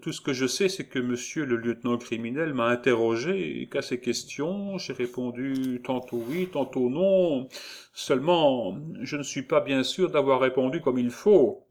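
A man reading the part of a timid young working-class seamstress in an audiobook, with a high, fretful, pleading delivery. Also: moderate pace, darkish tone, lightly acted. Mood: anxious.

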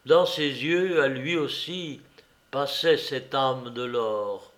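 A man narrating a story aloud in a slow, measured, storytelling manner. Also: a little high. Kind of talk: audiobook narration.

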